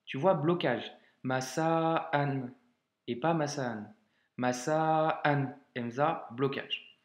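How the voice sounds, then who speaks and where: Man, teacher, video lesson, patient, informal, slow speech, echoey room. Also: mid-range voice. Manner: patient, informal, addresses the learner as tu; slow, drawn-out modeling of example words. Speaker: Arabic reading teacher.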